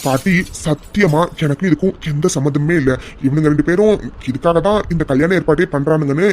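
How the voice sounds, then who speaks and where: A sheepish young groom in a cartoon, flustered and apologetic, voiced by a narrator. His voice is ordinary and mid-pitched, often dropping low. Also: brisk, a little mellow, close to an everyday voice. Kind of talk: cartoon voice acting.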